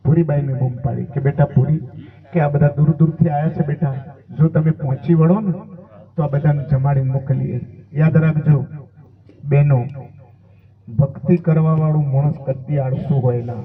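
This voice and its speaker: A man preaches in an emphatic, storytelling way. His voice sits fairly high and sounds thin and tinny, like it is coming over a phone line. He also sounds a bit distant from the mic. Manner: emphatic preaching, exhorting listeners to pay attention. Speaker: saint giving a satsang. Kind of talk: sermon with storytelling.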